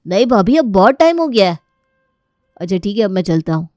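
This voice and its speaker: A woman voicing an impatient young husband in a cartoon story, hurried and irritated. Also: mid-range voice, sing-song, darkish tone, dry recording, clean studio sound, close to an everyday voice. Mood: relieved.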